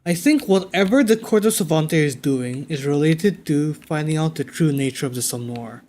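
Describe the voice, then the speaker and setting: A man livestreaming a game, talking casually and thinking out loud in a conversational way. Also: a little high, moderate pace. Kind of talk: casual livestream chat while playing a game. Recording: game music behind the voice. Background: video game music.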